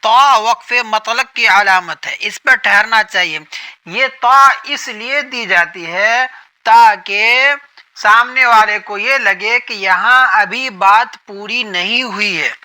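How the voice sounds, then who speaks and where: Very bright, sharp-voiced male teacher. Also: sits high, low-quality recording. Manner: repeats points, asks questions and answers them himself. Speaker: Quran reading teacher. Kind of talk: explanatory lesson.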